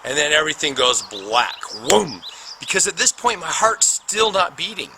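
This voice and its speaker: A middle-aged man telling his own near-death story as a personal testimony, animated and dramatic, with spoken sound effects. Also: fairly high pitch, moderate pace. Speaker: speaker recounting a near-death experience. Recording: noticeable background noise.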